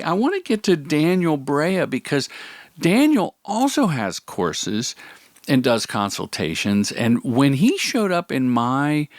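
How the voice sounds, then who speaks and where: A man's voice: medium pitch, no echo. A man hosting a podcast interview in casual chat, rambling and talking a mile a minute. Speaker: podcast host.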